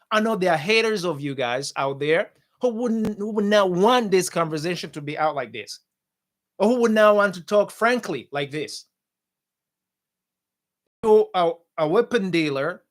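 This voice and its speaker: A man with a fairly high voice delivers impassioned political commentary as a talk show host. He hammers his points home with repetition and talks straight to his viewers. His voice comes through a studio mic. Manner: forceful, repetitive, addresses viewers as guys.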